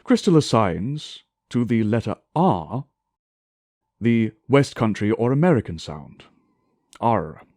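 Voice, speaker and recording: In this scripted academic lecture, the speaker's voice is on the low side, sing-song and darkish in tone, free of room sound. He is formal, deliberate, and declamatory, with emphatic enunciation and hints of reconstructed Shakespearean pronunciation.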